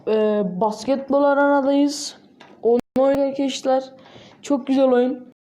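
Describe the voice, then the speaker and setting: A woman who hosts a gaming channel talks casually at a moderate pace while playing a mobile game. She has a fairly high, gentle, mellow voice and frequently bursts into excited exclamations.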